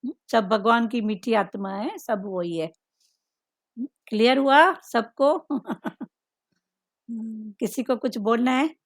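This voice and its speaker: Slow, gravelly-voiced woman teaching spiritual lessons. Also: on the high side. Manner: slow, musing, with frequent "hmm" fillers. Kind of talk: devotional talk to a group.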